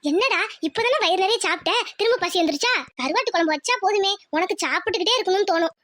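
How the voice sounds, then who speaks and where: A woman's voice: very high-pitched, animated, quick pace, fairly bright tone, no room sound, studio quality. A woman voicing an indulgent, fussing village mother in a cartoon, scolding her son fondly. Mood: indulgent, fussy. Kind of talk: Tamil cartoon voice acting.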